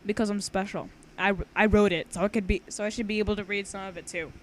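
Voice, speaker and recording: Reading her own fan fiction quickly in a steady, mid-range voice, a young woman keeps things informal, giggling, bantering and frequently tripping over her words. The amateur recording was made at home and is noisy.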